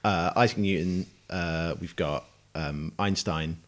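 A man with a low-pitched voice chats as co-host of a science podcast. His delivery is informal and conversational. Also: takes it slowly. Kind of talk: casual chat.

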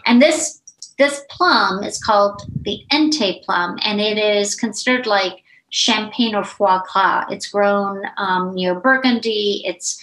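A middle-aged woman, a brand founder, tells stories as a guest in a casual interview. She is animated and chatty, full of fillers and little asides, at an ordinary middle pitch. Her voice carries a roomy echo. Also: slow. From United States.

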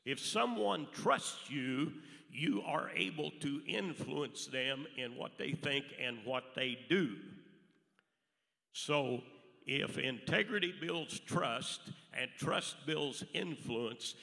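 A man preaching a church sermon in a raspy, hoarse voice, speaking deliberately in short weighted phrases. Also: mid-range voice, bright, forceful tone. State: hoarse from allergies. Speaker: pastor preaching to a congregation. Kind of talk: church sermon with Bible readings and prayer. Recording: reverberant hall, faint music.

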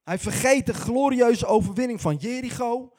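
A male pastor preaching a sermon in a lively, conversational storytelling manner with playful humor. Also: very high-pitched, normal speed.

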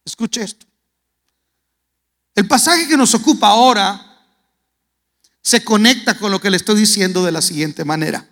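High-voiced preacher in an echoing hall. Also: male voice, normal speed, pauses often, a bit bright. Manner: dramatic storytelling, acts out characters' lines. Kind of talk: sermon. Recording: echoey hall reverb.

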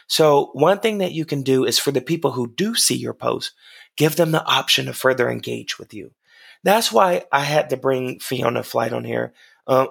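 A hoarse man hosts a motivational podcast, his voice gravelly with a husky edge. He sits a little higher than most men. He talks earnestly and encouragingly, often restarting his sentences. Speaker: podcast host.

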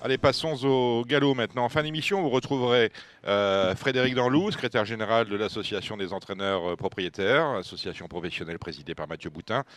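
A man's voice: on the low side, brisk, fairly bright tone, dry recording, soft background music. A man hosting a horse racing radio show, chatty and joking as he leads the talk. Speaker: radio host.

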